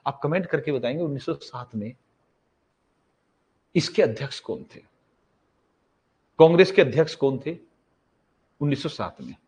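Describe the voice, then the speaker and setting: A man's voice: medium pitch, big pitch swings, normal speed, long pauses, mellow. A male teacher giving an exam-prep history lesson in a casual way. He asks a question, answers it himself and repeats the key facts. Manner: casual, addresses students as bhai. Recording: slightly dull lo-fi sound.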